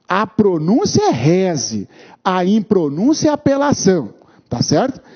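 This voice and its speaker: A man's voice: sits high, slightly rough. A man teaching an exam-prep law lecture, stressing key terms by repeating them and often checking in with his listeners. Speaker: law instructor. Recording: dull lo-fi lecture recording.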